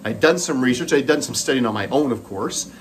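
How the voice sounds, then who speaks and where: A man's voice: mid-range voice, lively intonation, brisk, a little hiss or hum. A middle-aged man with a Canadian accent telling a personal story while running on a treadmill, speaking in short broken phrases. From Moncton, New Brunswick, Canada. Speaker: host.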